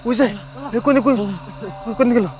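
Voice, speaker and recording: Frantic high-voiced man calling in the dark. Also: steady tone, fairly quick, crowd noise. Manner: frantic, repeats calls over and over. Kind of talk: staged horror search in the dark. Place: outdoors near fields and trees. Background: music.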